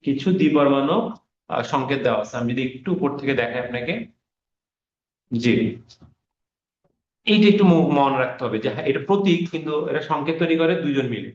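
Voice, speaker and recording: A man's voice: mid-range voice, brisk, long pauses, slight background noise. Guy teaching a class over a video call, keeps repeating words and quizzing students, echoey muffled audio. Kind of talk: online class lesson. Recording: roomy, dull online class audio.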